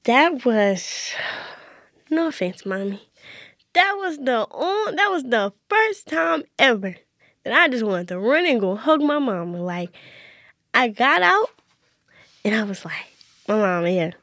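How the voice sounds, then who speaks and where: Young woman, slightly high voice, casual storyteller, dry close sound. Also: sing-song, slow pace, pauses often, no room sound. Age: young adult. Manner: casual, quoting herself in a hushed voice. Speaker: interview guest. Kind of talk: storytelling in conversation.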